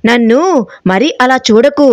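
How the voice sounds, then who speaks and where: A woman's voice: on the high side, a little slow, dry recording, studio quality, lightly acted. A woman voicing a rich young husband who gives curt orders and teases his wife, in a read-aloud story. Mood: teasing. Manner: curt commands, then teasing. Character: rich young man, bossy, curt, teasing.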